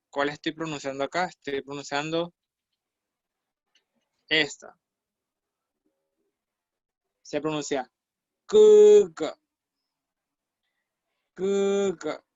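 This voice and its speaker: Slow, patient male language teacher. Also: a little high, flat delivery, sharp tone, dry recording, lo-fi sound. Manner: patient, explains step by step, repeats sounds several times. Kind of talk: online class, slow repeated pronunciation drills.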